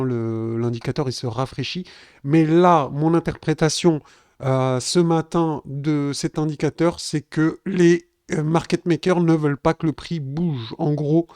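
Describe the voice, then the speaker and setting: A crypto trading streamer chats casually with his viewers, calling them "les gars" as he analyzes charts live. His voice is fairly high with a darkish tone, and the studio recording is clean, with no echo.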